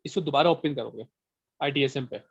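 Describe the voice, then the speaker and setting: A man's voice: mid-range voice, brisk, breathy edge, no echo. A man explaining a computer task over a voice call, patiently going step by step and checking that the listener is following. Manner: patient, repeats checks for understanding. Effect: heard over a voice call. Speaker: instructor. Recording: dull, lo-fi call audio.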